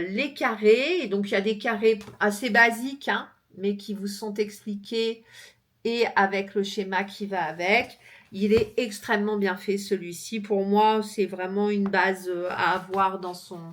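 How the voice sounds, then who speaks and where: A French woman who vlogs about crochet chats casually while showing her books, laughing easily and using lots of fillers. Her mid-range voice stays steady and unhurried.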